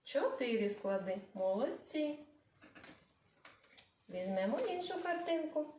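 A woman teacher giving a children's lesson, slowly drawing words out syllable by syllable in a sing-song way. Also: on the high side, very animated, dark tone, far from the mic. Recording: echoey room, voice off-mic with faint noise.

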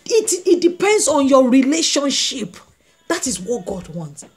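Animated, high-voiced woman preacher. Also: unhurried. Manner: emphatic, repeats key phrases; storytelling with acted quotes. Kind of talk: sermon.

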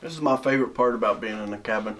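A man's voice: mid-range voice, rapid-fire, fairly bright tone. A plain-spoken, laid-back man talking casually with his son while he vlogs from a small wood-heated cabin. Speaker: outdoors vlogger.

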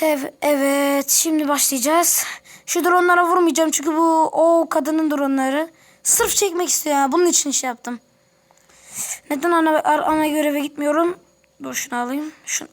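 Woman gamer narrating a let's-play, high voice, chatty and easily annoyed, chats with the characters. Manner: chatty, grumbles and talks to game characters. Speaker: gameplay commentator. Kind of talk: casual let's-play commentary.

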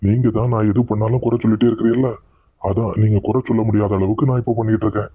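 Man voicing a fast-talking cartoon son. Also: on the low side, little pitch movement, breathy edge, no room sound. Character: young husband and son, hurried and defensive. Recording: dull lo-fi dry audio.

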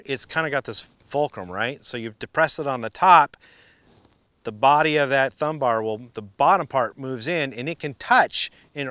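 A man's voice: medium pitch, clear, resonant tone, no room sound. Folksy man explaining fishing tips. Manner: excited and exclaiming on the water, chatty and folksy when explaining. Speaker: fishing instructor. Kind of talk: casual how-to explanation. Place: outdoors on a fishing boat on a lake for the catch; indoor studio backdrop for the tips.

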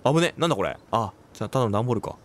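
A man delivers rapid-fire let's play commentary in an expressive, mid-range voice. He reacts to the game as he goes, quipping, exclaiming and muttering to himself.

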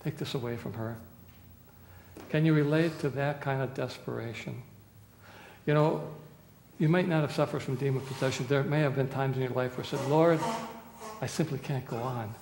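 A man in his sixties, a pastor preaching a sermon, dramatic, swinging between loud pleading and hushed quiet lines, recorded from a distance in a small church. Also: mid-range voice, moderate pace, vocal fry, long pauses. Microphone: far camera. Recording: echoey church hall, roomy reverb.

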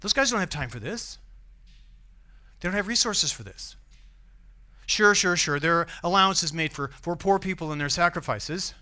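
An American man delivers a sermon in a church, talking to the congregation like a conversation and checking in with questions. His voice is bright and forceful and sits a little high for a man. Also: lively intonation, moderate pace, pauses often. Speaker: pastor.

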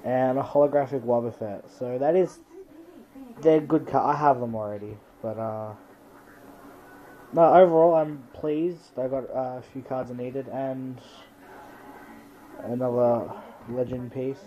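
A man's voice: medium pitch, fairly even intonation, measured pace, lo-fi sound, slight background noise. A man casually commenting as he hosts an unscripted unboxing video, listing items one by one in a matter-of-fact way. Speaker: trading card pack-opening video host. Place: bedroom, indoors.

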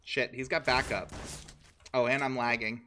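A man's voice: medium pitch, steady tone, moderate pace, pushed and bright, a little hiss or hum. A man co-hosting a live gaming stream, chatting casually, laughing and swearing as he reacts to the game. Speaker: streamer co-host.

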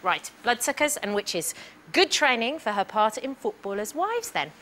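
A woman's voice: a little high, moderate pace, a little hiss or hum. Bubbly young woman presenting on stage. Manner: bubbly, animated. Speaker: show presenter. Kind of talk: lively TV presenting. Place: large TV studio stage. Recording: studio with loud audience.

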